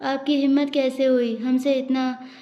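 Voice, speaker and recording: Woman doing a sulky young wife, reproachful, formal speech, fairly high flat voice, dull recording. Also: unhurried, echoey room. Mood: angry.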